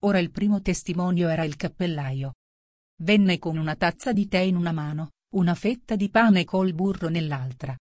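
Brief: woman audiobook narrator, low-pitched, even storybook reading. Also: normal speed, no room sound, clean studio sound.

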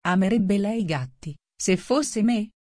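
A timid but prickly little mouse speaks in a shrill, trembling voice, as a woman reads him aloud. He snaps with anger at the mention of cats, in a mid-pitched voice recorded dry and close. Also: lively intonation, a little slow, darkish tone, no echo. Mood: indignant. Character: small frightened touchy male mouse. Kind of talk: storybook reading.

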